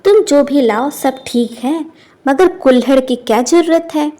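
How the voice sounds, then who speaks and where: A stingy, hot-tempered old village husband, as a woman narrator puts him on in an animated storybook. He growls threats in a gruff way, though the voice stays fairly high. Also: measured pace.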